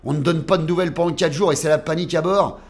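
A man's voice: a little high, steady tone, fast talker, close to an everyday voice. A man voicing an arrogant, scornful young woman student who swears in a storybook reading.

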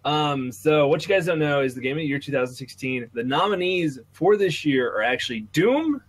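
A man's voice: a little high, animated, a little fast, slight background noise. A man hosting a podcast, talking through news casually with strong opinions and swearing. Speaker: podcast host.

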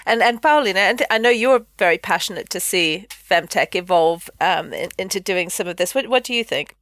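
A middle-aged woman moderating a panel call, prompting guests gently and hedging her points. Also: medium pitch, expressive, moderate pace, no room sound. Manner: warm prompting, hedging "I think".

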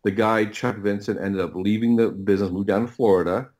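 A fairly low, steady, slightly mellow voice carries the casual anecdotes of a middle-aged man, a writer and audio producer guesting on a podcast. He rambles and repeats, stops himself mid-phrase, and often doubles back.

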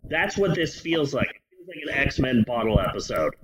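A man's voice: medium pitch, moderate pace, a little hiss or hum. A man hosting a casual movie review chat, ranting and swearing freely. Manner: animated, profane, ranting. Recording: muffled lo-fi audio.

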